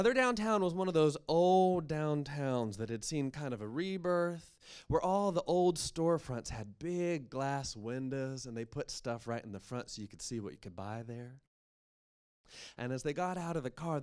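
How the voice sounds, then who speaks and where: An American man performs as an oral storyteller. He paces a spooky tale deliberately and leans on words for dramatic effect. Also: medium pitch. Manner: dramatic, deliberate pacing with expressive emphasis.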